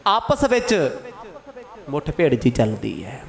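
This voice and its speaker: A man's voice: medium pitch, wildly swooping pitch, slow pace, creaky. A man telling a story in a sermon, acting out the quarrelling sides with shifting voices. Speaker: katha preacher.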